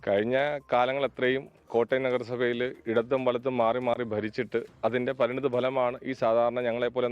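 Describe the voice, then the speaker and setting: A man's voice: mid-range voice, clear, resonant tone, dull audio. A man firmly declaring his party's position in a news interview soundbite. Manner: firm, declarative. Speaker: party representative.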